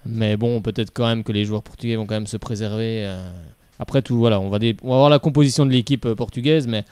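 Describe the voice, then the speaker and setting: A male radio co-host reporting club news and giving opinions on live sports talk radio, in steady, run-on sentences. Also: on the low side, quick pace, clear, resonant tone, no echo. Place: radio studio.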